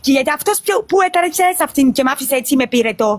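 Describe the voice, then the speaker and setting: Brief: young woman, high voice, accusing and insistent, heated live-stream argument. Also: lively intonation. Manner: accusing, insistent, keeps repeating herself.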